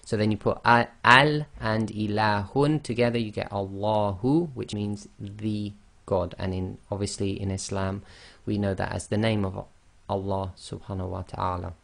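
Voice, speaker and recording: A man teaching a slide-based online lesson, explaining slowly and carefully and often checking in with "okay". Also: lowish voice, steady tone, gravelly, fairly bright tone. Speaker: Quran recitation teacher.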